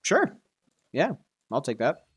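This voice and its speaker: A game streamer commentates casually on his livestream, swearing freely while reacting aloud and talking to himself and his chat. His voice is mid-range and his speed normal.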